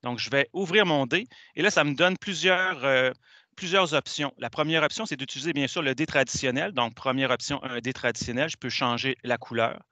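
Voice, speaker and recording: A man, walking through a software tool step by step in a methodical teaching tone. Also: mid-range voice, fairly quick, no echo. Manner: methodical, step-by-step, many "donc" fillers. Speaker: teacher presenting a software tutorial. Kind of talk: screen-share tutorial walkthrough.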